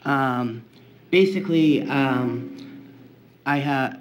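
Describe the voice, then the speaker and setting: A man's voice: medium pitch, extremely slow. A man giving semi-formal testimony at a hearing as an applicant, hesitant and stiffly worded, with many ums. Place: indoor public hearing room. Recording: dull, lo-fi, faintly noisy room recording.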